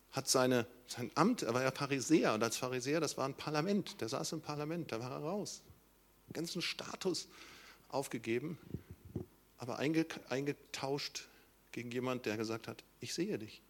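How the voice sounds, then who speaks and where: A middle-aged man, a pastor, preaching a sermon with emphatic stresses that drop into soft, slow passages. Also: mid-range voice, creaky.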